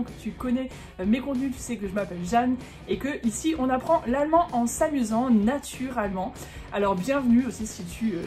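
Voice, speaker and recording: A woman's voice: fairly high pitch, dark tone. A woman giving a casual, chatty online German lesson, correcting herself as she goes and stretching out the example words. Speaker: German teacher.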